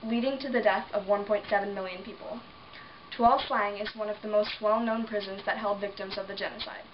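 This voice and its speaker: A woman's voice: mid-range voice, steady tone, fairly quick. Woman reading a mock news report. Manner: plain scripted questions. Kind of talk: amateur mock news interview. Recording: dull distant recording with noise.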